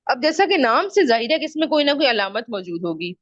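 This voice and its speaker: A woman teaches Arabic grammar in an online class, slowly drawing out example words and frequently checking that students are keeping up. Her fairly high voice swings widely in pitch, and the muffled recording has no echo.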